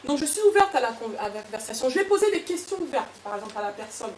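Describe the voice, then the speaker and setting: A woman coach giving a lively motivational workshop talk to an audience, with frequent restarts. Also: sits high, quick pace, a little hiss or hum. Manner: lively, animated, with many restarts. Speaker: personal development coach. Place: event room with an audience. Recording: echoey room, far from mic.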